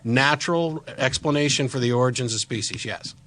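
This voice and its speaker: A man with a medium-pitched voice hosts a live call-in debate. He is blunt and insistent, pressing his argument firmly as he talks. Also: fairly quick, a bit bright. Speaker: call-in show host.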